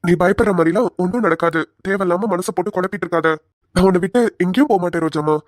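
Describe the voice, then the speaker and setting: A woman's voice: fairly low pitch, quick pace, no room sound, clean studio sound, lightly acted. A woman voicing a tender young husband who soothes his worried wife in a cartoon. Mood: soothing. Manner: gentle, pleading, calls her fondly.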